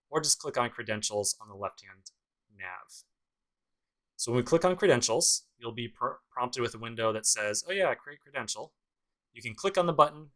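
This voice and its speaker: This is a casual screencast from a programming instructor who explains each step with a dry, sarcastic edge. His medium-pitched voice sounds pushed and bright, and the recording quality is low.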